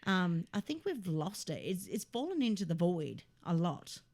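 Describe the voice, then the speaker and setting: Giggly, lively-voiced woman co-host. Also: lowish voice, moderate pace. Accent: American regional accent. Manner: giggly and expressive, laughs often. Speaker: radio show co-host. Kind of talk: casual live radio chat.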